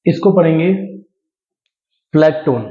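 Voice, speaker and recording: A man teaching a language class, explaining slowly and deliberately and repeating key terms, with English phrases mixed in. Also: fairly high pitch, dark tone. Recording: echoey room, dull lo-fi sound.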